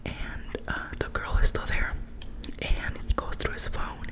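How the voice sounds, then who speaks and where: Whispering a little slowly, a young woman delivers a chatty ASMR storytime packed with gossip and casual slang. The retelling is dramatic and animated.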